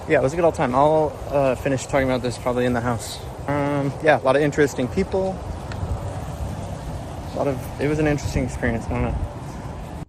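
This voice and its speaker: Young adult male vlogger, phone mic, loose rambling delivery with frequent laughs. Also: mid-range voice. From Florida, US. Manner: rambling, filler-heavy, laughs often. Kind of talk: casual vlog talk. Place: outdoors at a street protest, later his room.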